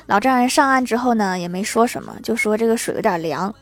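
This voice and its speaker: A woman host telling a string of scripted comic stories with lively, chuckling punchlines. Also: on the high side, fast talker, no echo. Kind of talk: scripted comic joke storytelling.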